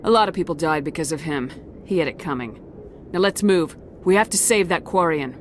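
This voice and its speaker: A man's voice: a little high, brisk, slight background noise, lightly acted. A man voicing a ruthless, curt military commander. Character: hardened male military commander, cold and ruthless. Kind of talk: video game voice acting. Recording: game audio with loud score behind.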